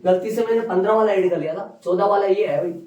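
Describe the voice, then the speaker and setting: A high-pitched male teacher talks through a maths problem, repeating each step and firing questions at his class. He is caught by a distant mic in an echoey classroom. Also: a little mellow, dull audio. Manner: repeats steps slowly, quizzing students. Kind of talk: classroom lesson at a board.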